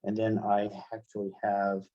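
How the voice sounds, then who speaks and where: Teaching software online, a middle-aged American instructor explains each step in a casual, halting manner, frequently asking "right?". He speaks in a lowish monotone over muffled, dull computer-call audio.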